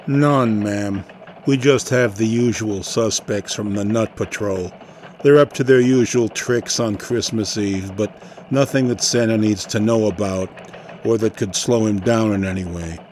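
A man's voice: on the low side, unhurried, darkish tone, a little hiss or hum, lightly acted. A man playing a male elf security agent in a mock radio newscast, clipped and formal. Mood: matter-of-fact.

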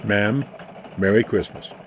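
A man's voice: lowish voice, slow, a little hiss or hum. A man voicing a tight-lipped male elf security agent who answers in clipped, formal replies. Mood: curt.

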